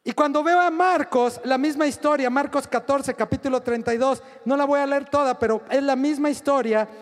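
A man preaching a sermon in a church, animated and joking, calling on the congregation to answer and repeat after him. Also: extremely high pitch, fairly quick. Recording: long hall reverb.

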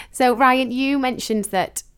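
A woman co-hosts a community radio show in an easy, conversational way. She laughs readily and keeps the chat moving, and her voice stays smooth and clear. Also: high voice, fairly bright tone.

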